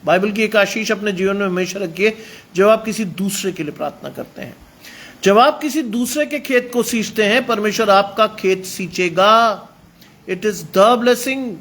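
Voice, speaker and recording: High-voiced preacher, emphatic. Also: male voice, vocal fry, a bit bright. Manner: mixes English phrases into emphatic preaching. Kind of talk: sermon.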